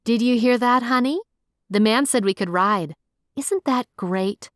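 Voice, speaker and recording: A woman's voice: on the high side, a little slow, dry recording, studio quality, voice pushed up, close to an everyday voice. A woman reading an audiobook voices a playful, persistent young woman who coaxes and wheedles. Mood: coaxing. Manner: wheedling, bright and coaxing. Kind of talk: audiobook character voice.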